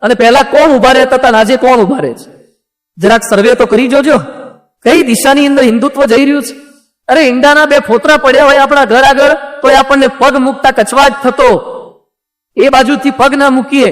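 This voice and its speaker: High-voiced monk preaching in a hall. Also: male voice, fairly bright tone. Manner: exhorting, rhetorical questions. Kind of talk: sermon with storytelling. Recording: long hall reverb.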